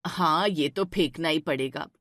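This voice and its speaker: A woman voicing a stern, scolding middle-aged mother-in-law in a cartoon story, firing sharp questions at her daughter-in-law. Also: deep voice, unhurried, no room sound, clean studio sound.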